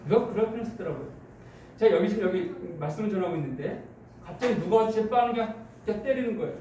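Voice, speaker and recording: A male pastor delivers a sermon, unpacking a scripture passage and bringing it to life with acted-out illustrations. His voice sits high. It rings through a cavernous, echoing church hall, with faint room noise behind it. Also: expressive, quick pace, dark tone. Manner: preaching with spoken illustrations and quoted dialogue. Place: church sanctuary. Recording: echoey church hall, mic at a distance.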